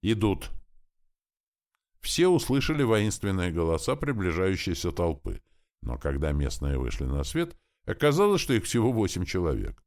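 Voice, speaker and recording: A man narrating an audiobook in the first person with steady storytelling. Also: sits low, moderate pace. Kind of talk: scripted narration.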